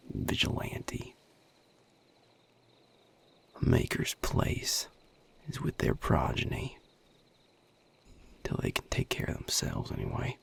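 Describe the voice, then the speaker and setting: In full character voice, a Southern-accented man portrays a vampire sire who is weary and protective, using a folksy, guarded drawl in this intimate one-sided audio roleplay. His very deep voice sounds gravelly, husky, and breathy.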